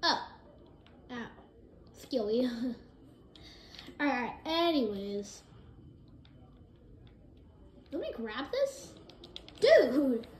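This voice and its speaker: High, lively woman gaming commentator. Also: extremely slow, long pauses. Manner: excitable, jumping between hype and mumbling. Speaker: gaming video creator. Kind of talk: live gameplay commentary. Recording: roomy echo with faint noise.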